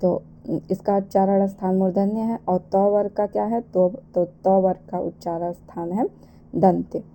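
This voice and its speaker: Slow, mellow-voiced woman teaching. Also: mid-range voice, fairly even intonation. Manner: slow, repeats and asks rhetorical questions. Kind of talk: exam-prep lesson.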